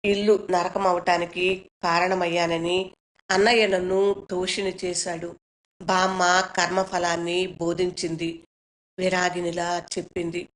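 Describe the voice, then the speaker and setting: A woman voicing a frightened young woman torn by family duty, speaking in a hushed, pleading way. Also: fairly low pitch, little pitch movement, measured pace, natural voice. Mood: resigned.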